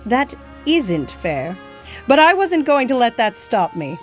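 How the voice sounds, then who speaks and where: A woman's voice: a little high, sing-song, slow, soft background music. A woman playing gracious Clara Barton. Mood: earnest. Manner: genteel, calls listener "my dear" and "darlings". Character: gracious historical woman nurse, kindly and proud. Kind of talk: scripted educational acting.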